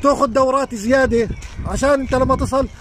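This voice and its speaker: Over a noisy background, a man with a very high, steady voice talks quickly. On a live stream from a lakeside, he holds his phone and earnestly coaches viewers in a Levantine Arabic accent, speaking right to them.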